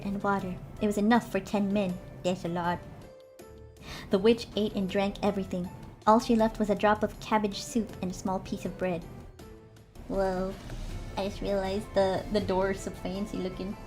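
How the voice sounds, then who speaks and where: A woman reads a fairy tale aloud in a gentle, mid-pitched voice, pausing for chatty asides to her viewers. Faint music plays behind her. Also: flat delivery. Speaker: streamer reading a book aloud. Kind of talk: storybook narration with casual chat.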